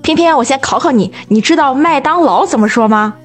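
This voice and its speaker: Playful woman pronunciation teacher, higher voice, lots of lilt, quizzing her cohost. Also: lively intonation, fairly quick, faint music behind. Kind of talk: bilingual teaching chat.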